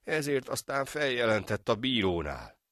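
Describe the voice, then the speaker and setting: A man voicing a poor, humble discharged soldier in an animated folk tale, speaking in an earnest, pleading way. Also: medium pitch, dry recording, clean studio sound, pitched above the performer's own voice. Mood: distressed.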